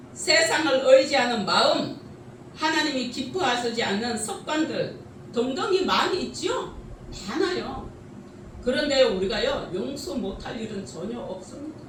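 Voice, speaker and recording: A middle-aged woman with a high-sitting voice preaches a sermon full of rhetorical questions and frequent laughter. She is heard from a distance in a church sanctuary, so the recording sounds echoey, with slight background noise.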